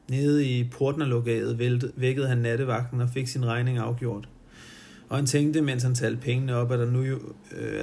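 A man's voice: mid-range voice, vocal fry, warm tone. A man reading a novel aloud for someone close to him, stumbling now and then and correcting his slips. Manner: halting, stops to correct his own slips. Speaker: reader.

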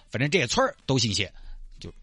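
A man's voice: medium pitch, huge pitch swings, normal speed, a bit bright, slightly rough, no room sound, clean studio sound. A male radio host telling a comic story in a chatty way, speaking straight to the listener. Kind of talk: comic scripted storytelling with acted dialogue.

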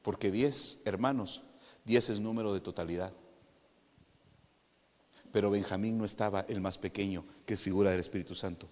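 Guatemalan preacher in an echoing hall. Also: male voice, lowish voice, moderate pace, long pauses. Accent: Guatemalan Spanish. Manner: animated, addresses listeners as "hermano", rises to loud emphatic peaks. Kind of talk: sermon.

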